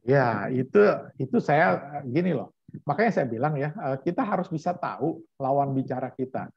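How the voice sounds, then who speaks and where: A man's voice: medium pitch, expressive, moderate pace, breathy edge, no echo, dull audio. A man teaching a Bible school class over a video call in a chatty, hesitant way, with many fillers. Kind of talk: online class lecture.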